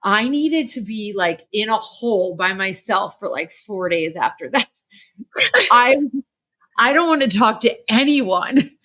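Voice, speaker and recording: A woman's voice: medium pitch, very animated, a little slow, bright, forceful tone. A woman podcast co-host in casual chat, joking and self-deprecating.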